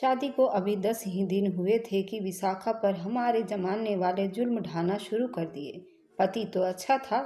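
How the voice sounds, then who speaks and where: A woman narrating an emotional family story in a steady storytelling manner. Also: medium pitch. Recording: faint background music.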